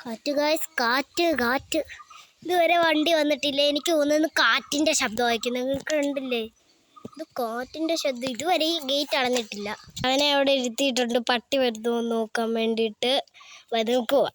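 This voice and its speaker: A woman's voice: high-pitched, moderate pace, a bit bright, slight background noise. A young woman chatting casually to viewers on a walking vlog outdoors, filmed on a handheld phone. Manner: chatty, addresses viewers as guys and urges them to subscribe. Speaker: vlogger and parent. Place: outdoors by the road near her house, windy.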